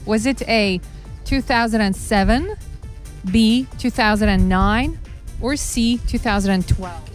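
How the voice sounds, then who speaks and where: Higher-voiced female co-host. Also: unhurried, soft background music. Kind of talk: radio quiz chat.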